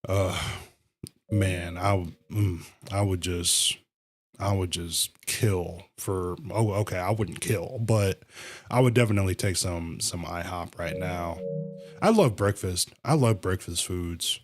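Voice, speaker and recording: Deep and slow, a man livestreams a video game, offering slangy, informal commentary. He also reads the game's dialogue aloud.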